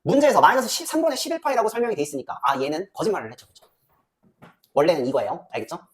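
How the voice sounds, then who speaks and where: A woman math teacher lecturing a class in a very animated voice. Her pitch swings widely from line to line. She keeps firing quick questions at the students and mutters to herself as she calculates.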